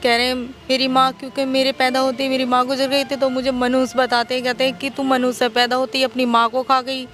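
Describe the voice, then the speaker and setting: A woman's voice: sits high, little pitch movement, fairly quick, hardly any pauses, fairly bright tone. An actress playing a distressed young widow who pleads with her stepmother in a staged drama. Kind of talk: staged social drama acting.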